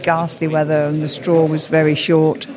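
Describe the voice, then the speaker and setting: A man chats casually in answer to questions, in a slightly high voice with very little melody. A busy crowd is clearly heard behind him. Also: monotone, normal speed. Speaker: interviewee at a farm sale. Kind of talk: casual interview chat.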